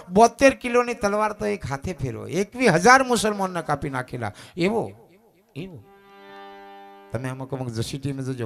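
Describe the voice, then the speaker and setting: Gravelly, emphatic Gujarati preacher man. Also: high-pitched. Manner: emphatic, repetitive, swings between loud declaiming and quiet coaxing. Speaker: spiritual preacher. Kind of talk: devotional sermon.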